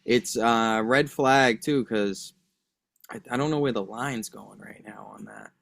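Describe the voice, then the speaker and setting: A man's voice: fairly low pitch, measured pace, creaky, fairly bright tone, no room sound, studio quality. A man who works as a betting analyst, chatting casually and arguing his picks with lots of hedging. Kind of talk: casual chat.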